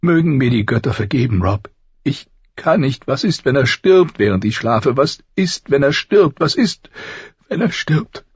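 A man voicing a grieving noblewoman and mother, frantic with fear, in high, shrill pleading cries. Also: slow pace, creaky, few pauses, a little mellow, breathy edge, dry recording, dull audio, full character voice.

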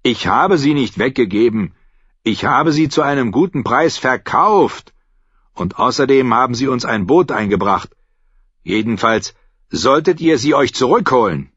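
A man's voice: medium pitch, lively intonation, normal speed, dry recording, highs cut off, pitched above the performer's own voice, close to an everyday voice. A man voicing a grumpy, quarrelsome middle-aged man who scolds and accuses the others. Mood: indignant. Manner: angry, scolding.

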